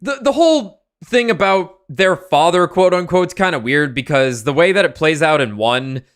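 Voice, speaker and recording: A man's voice: a little high, lively intonation, normal speed, a bit bright. A young man hosting a game stream, explaining the story in a rambling, casual way. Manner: rambling, with many fillers and restarts. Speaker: streamer, host.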